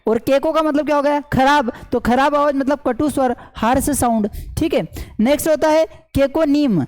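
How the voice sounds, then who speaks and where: Woman tutor, high and mellow, slow and repetitive, with fillers and quiz-style questions. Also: low-quality recording. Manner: repetitive question-and-answer teaching, many fillers. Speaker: English vocabulary teacher. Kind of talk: explaining lesson in Hindi with English terms. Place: online class recording.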